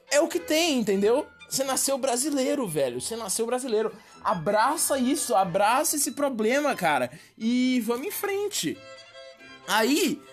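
A Brazilian woman ranting in a slangy, exasperated comic monologue to her viewers. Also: fairly high pitch. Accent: Brazilian Portuguese. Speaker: vlogger. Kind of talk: slangy comic rant to camera.

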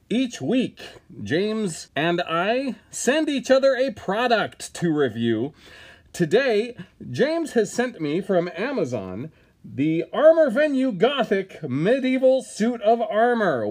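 A man's voice: high-pitched, a little mellow. A man hosting a comedy podcast, telling an absurd product review in a mock-serious, dry way. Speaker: podcast host.

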